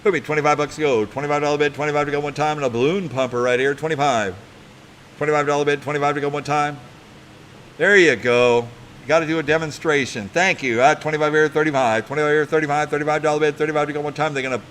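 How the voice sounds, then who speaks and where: Male auctioneer chanting bids, slightly high-pitched. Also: steady tone, fairly bright tone. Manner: rapid, repetitive sing-song bid calling. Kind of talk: live auctioneer bid-calling chant. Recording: clear background noise, live event.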